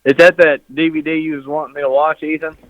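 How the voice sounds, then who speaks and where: A man's voice: fairly high pitch, level tone, fast talker, dry recording. A man, heard over a clipped phone line, chatting casually as a guest and rambling through stories in an easygoing way. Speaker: guest hunter. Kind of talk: casual chat. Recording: narrow phone-line sound.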